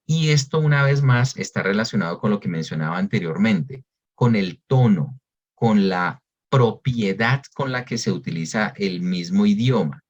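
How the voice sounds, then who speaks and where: A man's voice: fairly low pitch, animated, moderate pace, husky. Man, Colombian Spanish accent, webinar presenter, explanatory, fillers, slightly dull computer audio. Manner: explanatory, frequent fillers, rephrases as he goes. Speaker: webinar presenter on English exams. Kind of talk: online webinar lesson.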